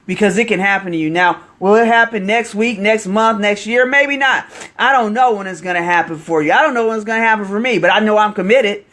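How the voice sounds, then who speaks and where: Excitable high-voiced motivational man. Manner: excitable, preachy, greets viewers mid-talk. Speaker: online marketing coach. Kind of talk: motivational live stream.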